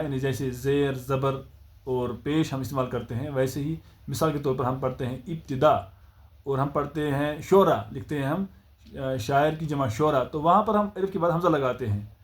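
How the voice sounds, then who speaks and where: A man with a Kashmiri accent teaching the Urdu alphabet, patiently sounding out each letter and explaining its pronunciation. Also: fairly high pitch. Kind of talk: spoken alphabet lesson.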